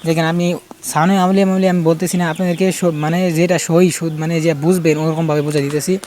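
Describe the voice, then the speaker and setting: A man with a somewhat high voice gives a casual pronunciation lesson. He repeats each letter sound patiently and keeps pointing out where in the throat or mouth it is made. Faint noise sits behind him. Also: flat delivery, rapid-fire, darkish tone. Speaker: Quran recitation teacher.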